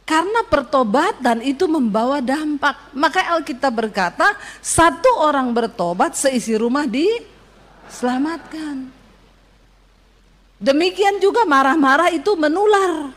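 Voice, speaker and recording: A woman preaching a sermon, telling stories with lively quoted voices and calling to her congregation for an amen. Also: high-pitched, unhurried.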